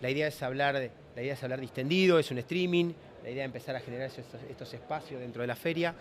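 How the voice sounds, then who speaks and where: A man's voice: mid-range voice, quick pace, a little hiss or hum. A man hosting a casual interview, talking loosely with many restarts. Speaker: host. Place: trade fair floor.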